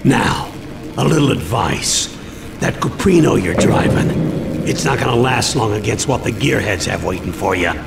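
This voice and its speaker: An actor playing a tough, curt, menacing boss in a video game. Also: male voice, on the low side, animated, moderate pace, creaky, heavy background noise. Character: tough, threatening male boss handing out jobs. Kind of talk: video game character dialogue. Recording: roomy echo under loud music.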